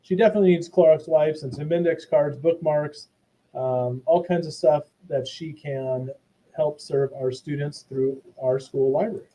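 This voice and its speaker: A man giving a casual, chatty school presentation to parents from his office. His audio is robotic and garbled, like a low sample rate, and he uses many fillers and restarts. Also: moderate pace, mellow, low-quality recording. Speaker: school principal. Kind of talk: live online presentation to parents. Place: hot indoor office.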